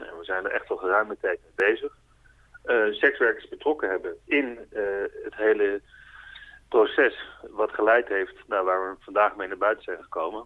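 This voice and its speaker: Man on a phone line, mid-pitched, earnest spokesperson explaining his project patiently; tinny, dry call audio. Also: dry recording. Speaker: spokesperson for a foundation, interviewee. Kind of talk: radio phone interview. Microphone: telephone.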